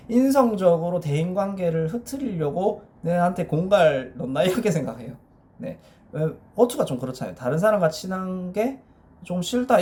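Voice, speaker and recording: A man's voice: a little high, a little mellow, a little hiss or hum. A man giving a casual explanatory monologue to his viewers, emphatic and direct, often affirming his points. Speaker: personality-type explainer.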